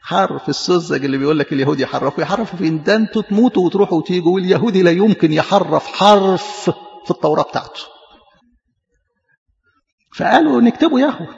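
A man with a fairly high voice and vocal fry preaches in an Egyptian Arabic accent, explaining forcefully and stumbling over repeated words. His sermon teaching is recorded in an echoey hall with muffled, lo-fi quality.

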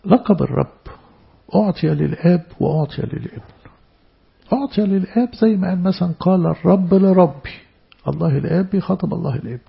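A man with an Egyptian Arabic accent preaching a church sermon, stressing words loudly and then dropping into soft asides. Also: a little high, creaky, husky, lo-fi sound. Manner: emphatic, swinging between loud stresses and soft asides.

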